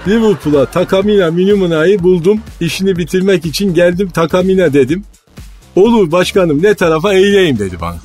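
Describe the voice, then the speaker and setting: A blustering club president. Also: male voice, sits high, lively intonation, quick pace, a little mellow, soft background music. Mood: rambling. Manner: rambling boastful storytelling, ranting insults. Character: blustering male football club president, boastful and hot-tempered. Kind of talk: radio comedy sketch.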